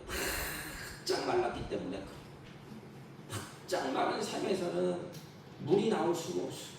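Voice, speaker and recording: A man preaches a Sunday sermon in a high voice, acting out complaints in quoted lines. The sound is very echoey and distant, as if picked up from across a church sanctuary. A faint hum sits behind it. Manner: emphatic preaching, acting out the grumbling people's voices. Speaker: pastor.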